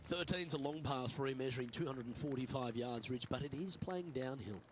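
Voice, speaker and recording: A man's voice: medium pitch, moderate pace, faint music behind, close to an everyday voice. A man giving polished broadcast play-by-play commentary in a golf video game. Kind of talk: sports commentary.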